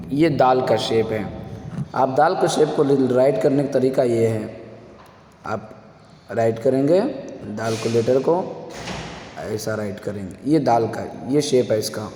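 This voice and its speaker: A man's voice: mid-range voice, dark tone, a little hiss or hum. A man teaches beginners Arabic letters for reading the Quran. He explains each letter, mixes English words into his speech, and stretches out each sound for the class to repeat. His voice rings in an echoey room with a long reverb tail. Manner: drawn-out sung letter sounds for repetition.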